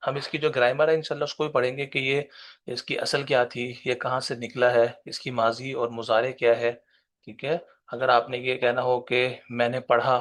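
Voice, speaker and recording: A male Arabic teacher in a recorded lesson, his voice sitting at an ordinary middle pitch. He drills each word slowly and deliberately, then explains it patiently, step by step. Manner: reads Arabic words slowly, then explains them in Urdu.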